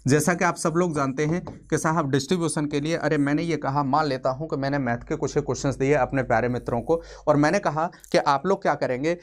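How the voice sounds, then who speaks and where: A man's voice: fairly high pitch, fast, few pauses. A man in his twenties teaching a maths lesson for exams, chatty and joking, asking questions and then answering them himself. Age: 20s. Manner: chatty and joking, calls viewers friend. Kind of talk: exam-prep lesson.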